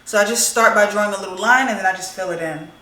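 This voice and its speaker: A young woman vlogger chatting casually while doing her makeup, expressive and swearing freely. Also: mid-range voice, fast talker, far from the mic. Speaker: beauty vlogger. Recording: echoey room, voice a bit off-mic.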